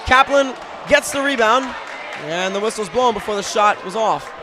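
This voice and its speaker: A man calling live basketball play-by-play in a crowded school gym, with rapid, clipped calls shouted over the crowd. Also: high-pitched, animated. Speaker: play-by-play announcer. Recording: loud gym crowd and noise.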